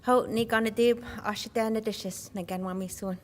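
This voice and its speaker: A woman reading her own poetry in a measured, solemn manner with pauses. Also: fairly even intonation. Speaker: poet reading own work. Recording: reverberant hall with low rumbling noise.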